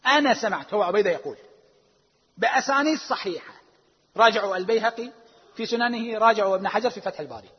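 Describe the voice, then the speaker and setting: A husky, fairly high-pitched man delivers a religious lecture with heavy emphasis, drawing out his stresses and dropping from forceful to hushed. The recording is dull and lo-fi, with a long reverb trailing off the hall walls. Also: lively intonation. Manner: emphatic, drawn-out stresses, swings between loud and hushed; rhetorical questions to the audience. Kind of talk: religious lecture citing sources.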